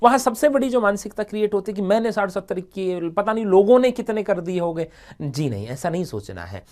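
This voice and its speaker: Animated man giving exam advice. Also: high-pitched, fairly quick. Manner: animated, repetitive, frequent "thik hai" checks. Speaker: exam coach. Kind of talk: motivational exam advice talk. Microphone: livestream setup.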